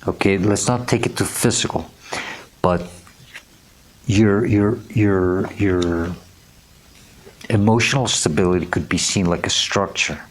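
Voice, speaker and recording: A man giving a tarot reading to camera. He speaks in a gentle, earnest way, keeps checking in with "okay?", and stumbles over unfamiliar names while reading card meanings aloud. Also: low-pitched, measured pace, long pauses, a little hiss or hum. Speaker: tarot reader.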